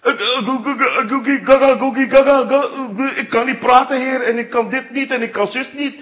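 A man playing an excitable male prophet who shouts in wonder and stammers nervously. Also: very high-pitched, moderate pace, dull audio, voice pushed up. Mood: stammering.

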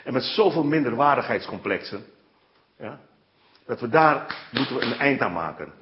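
A man preaching a sermon with lively storytelling, often checking in with his listeners. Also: medium pitch, moderate pace, dull audio, background noise. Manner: animated storytelling with frequent "ja" and "hè".

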